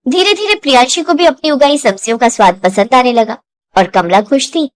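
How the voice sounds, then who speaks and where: A woman's voice: high voice, expressive, a little fast. A woman narrating a moral story in a dramatic storytelling manner. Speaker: narrator and voice of characters. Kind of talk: storybook narration with character voices.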